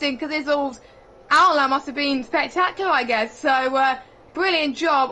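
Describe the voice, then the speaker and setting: A woman calls a sim race live with an excitable, exclamation-filled delivery. Her voice sits high and bright, with a sharp edge. A faint hiss runs underneath. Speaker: esports race commentator. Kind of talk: live sim racing commentary.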